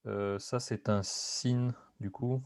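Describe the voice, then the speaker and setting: A man's voice: lowish voice, steady tone, slow, a little mellow, no room sound. A man answering in a language class, tentative and unsure of himself. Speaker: student.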